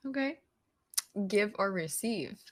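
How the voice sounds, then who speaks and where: A woman hosting a podcast, firing off quick either-or questions and giggling between them. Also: mid-range voice, lively intonation. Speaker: podcast host asking questions. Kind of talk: casual chat.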